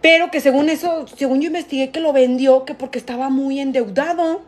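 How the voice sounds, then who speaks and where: A woman's voice: high voice, steady tone, brisk. A young Mexican woman chatting casually on a live stream from home, rambling and swearing freely. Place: at home, alone.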